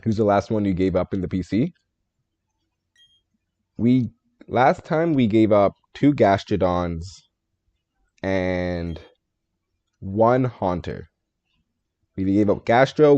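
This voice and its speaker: Male streamer, low mellow voice, casual running commentary, dry and slightly muffled stream audio. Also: expressive, slow pace, pauses often, dry recording. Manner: thinks aloud, answers chat, joking and self-deprecating. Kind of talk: live gameplay stream commentary.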